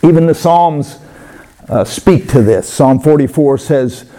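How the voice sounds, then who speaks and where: Mellow-voiced male pastor preaching. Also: on the high side. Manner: storytelling, conversational with many pauses. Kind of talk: sermon.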